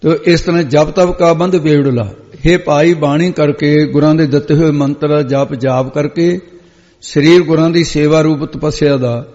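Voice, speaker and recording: A man teaching scripture, unpacking each verse for a student and correcting how words are spoken. His voice sits a little high and mellow. The sound is dull and carries a long hall reverb. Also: steady tone, moderate pace. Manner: explains each line patiently, corrects the student's pronunciation. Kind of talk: line-by-line scripture exposition lesson.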